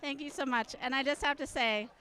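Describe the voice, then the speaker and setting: A woman's voice: high-pitched, fairly quick, a crowd in the background. A woman being interviewed right after winning, sounding giddy and emotional.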